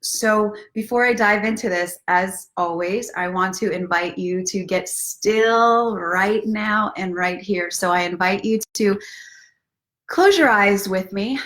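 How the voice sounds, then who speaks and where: With a lowish, slightly bright voice, a woman hosts a casual live story time as a self-love coach. She talks straight to her viewers in an encouraging, playful way, mixing relaxed live-stream chat with guided breathing and reading from a book.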